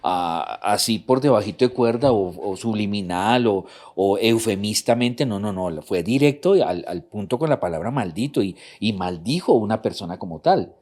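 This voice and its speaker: A middle-aged Colombian man from a church couples ministry gives a talk on marriage, teaching and repeating his main points. His voice is on the low side, expressive and a little mellow, moving at a normal speed with hardly any pauses.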